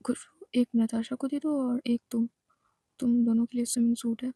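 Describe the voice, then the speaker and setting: A woman's voice: fairly high pitch, flat delivery, normal speed, warm tone, husky, dry recording, pitched below the performer's own voice. A woman voicing a bold, teasing young woman who gives orders to her friends. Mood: commanding.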